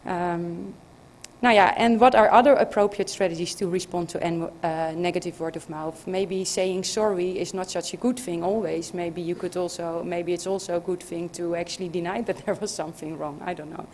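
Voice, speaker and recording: A woman's voice: lowish voice, steady tone, moderate pace, a little mellow, slight background noise. A woman giving an academic conference presentation, hesitant, with many filler sounds and restarts. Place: conference room.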